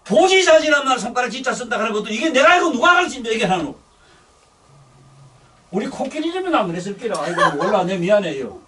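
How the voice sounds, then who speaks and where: An older man with a thick Busan accent delivers a rambling sermon, blunt and scolding, with coarse language. His voice sits high and leaps around with lively swings in pitch. He is recorded from some distance from the mic. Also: a little fast. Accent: Gyeongsang (Busan). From Busan, South Korea. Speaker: Buddhist dharma teacher.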